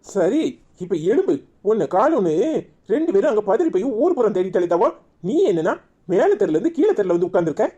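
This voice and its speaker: A woman voicing a gruff, scolding village father with a Kanyakumari Tamil accent in a cartoon. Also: mid-range voice, very animated, a little fast, dark tone, muffled recording, pitched below the performer's own voice.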